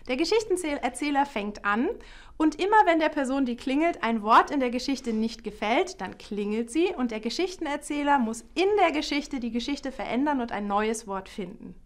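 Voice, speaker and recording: A middle-aged woman, a professor, speaking in a lively scripted video trailer, recorded in a studio on a lapel mic. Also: sits high, moderate pace. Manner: lively, standing and gesturing while talking. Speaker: art education professor, keynote speaker.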